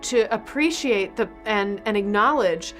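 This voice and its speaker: A woman's voice: mid-range voice, measured pace, faint music behind. A woman author speaking thoughtfully about her book, with small restarts.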